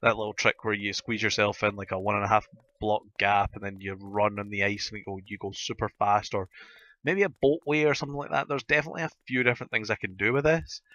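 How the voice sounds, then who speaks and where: A Scottish man with a gruff, sore-throated voice, hosting a casual gaming video and rambling as he thinks aloud. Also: on the low side, pushed and bright, muffled recording. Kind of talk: casual Minecraft let's-play commentary.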